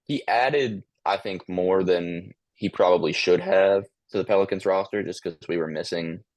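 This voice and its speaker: A man with a very low, monotone voice co-hosts a casual sports podcast. He hesitates often and restarts his sentences, and the sound is close and dry. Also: normal speed, no room sound. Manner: hesitant, many ums and restarts. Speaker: podcast co-host.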